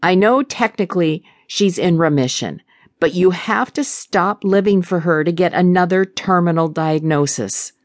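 A woman's voice: lowish voice, normal speed, no echo, clean studio sound, lightly acted. A woman doing a subdued, weary husband. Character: tired, remorseful husband and father.

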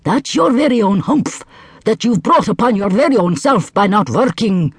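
A stern desert djinn, put on by a man reading a story aloud, scolding with a slow, knowing drawl. The voice sits high and swoops a great deal, with a husky edge and a dry, close sound. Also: animated, dry recording, heavily acted. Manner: scolding, knowing, drawn-out phrasing. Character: magical male desert djinn, stern and wry.

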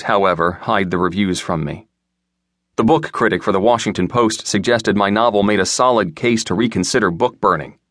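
Low, wry male audiobook narrator. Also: fairly bright tone, dry recording. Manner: wry, dry first-person storytelling. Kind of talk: scripted narration. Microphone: close studio mic.

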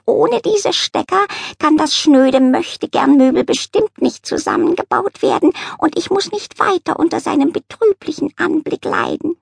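A woman reading an audiobook, voicing a snooty, affected female cat with a high, drawn-out voice. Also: big pitch swings, gravelly, no echo, studio quality, exaggerated voice. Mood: delighted.

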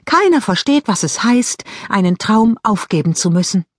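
A woman's voice: medium pitch, very animated, normal speed, no echo, studio quality, pitched above the performer's own voice. A woman voicing an emotional teenage girl in an audiobook, pleading and upset. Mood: distraught. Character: upset teenage girl, ballet dancer on crutches.

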